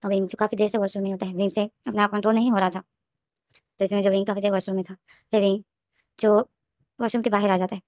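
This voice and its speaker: A woman rushes through a retelling of her own fan fiction, stumbling and restarting as the scenes pile up. Her voice is mellow and dark-toned. The sound is close and dry. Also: medium pitch, little pitch movement, no room sound. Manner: rapid, emotional retelling with many restarts. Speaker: fan fiction author and narrator. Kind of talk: storytelling narration.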